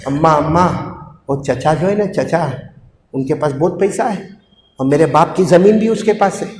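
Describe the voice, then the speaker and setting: A man voicing a poor, earnest eight-year-old boy who has been beaten, speaking in a tearful, hushed way. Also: a little high, moderate pace, voice pushed down, close to an everyday voice. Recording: echoey hall, faint noise.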